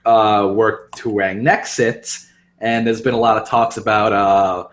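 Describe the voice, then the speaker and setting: A man hosting a political podcast, talking in a hesitant way and leaning on many fillers. His voice sits on the low side. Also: fairly even intonation, measured pace. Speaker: podcast host. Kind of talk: casual political discussion.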